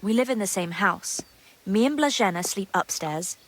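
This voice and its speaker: A woman with a medium-pitched, expressive voice speaks at a normal pace, acting only lightly, as a gossipy, guarded young maid at a monastery in a medieval video game drama. Her talk is secretive and earthy, her mood confiding. The low-quality recording carries clear ambient noise in the background.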